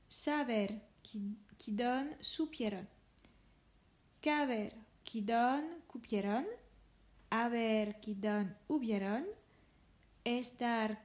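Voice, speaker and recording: A woman giving a grammar lesson, slowly reciting verb conjugations one by one. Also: a little high, a little mellow. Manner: clear, deliberate, spells out each verb form. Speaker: Spanish teacher.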